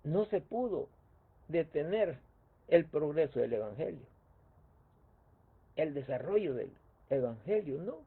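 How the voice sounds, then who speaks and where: A man's voice: a little high, sing-song, measured pace, long pauses, slightly rough. A man preaching a sermon, repeating his phrases and asking rhetorical questions with a prompting "mm?". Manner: repetitive, rhetorical questions, asks "mm?". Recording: tinny phone-like sound.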